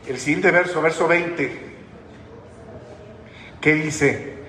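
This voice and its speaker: A man's voice: a little high, extremely slow, fairly bright tone. A man preaching a sermon as pastor, in a conversational way that keeps asking the congregation questions. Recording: echoey hall with long reverb, faint noise.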